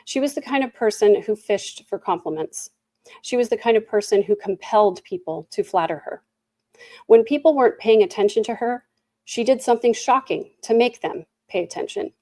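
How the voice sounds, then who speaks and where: A woman reads a prepared victim impact statement in a solemn, deliberate, accusatory manner with emphatic repetition. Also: fairly high pitch, lively intonation, warm tone, no room sound. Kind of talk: prepared statement read aloud.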